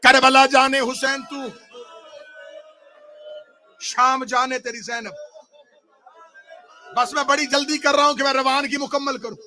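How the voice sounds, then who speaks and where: A man with a Pakistani Urdu accent giving a Muharram majlis sermon, crying out in lament and then dropping to hushed, weeping narration. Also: very high-pitched, flat delivery, faint music behind. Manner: wailing, swings from shouted cries to hushed weeping delivery. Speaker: Shia majlis orator.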